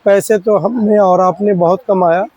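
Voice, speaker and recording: Man, shop owner, pleading and repetitive pitch, high voice, dry close sound. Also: steady tone, moderate pace, darkish tone, no echo, highs cut off. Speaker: spare parts shop owner. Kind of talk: product explainer to shopkeepers.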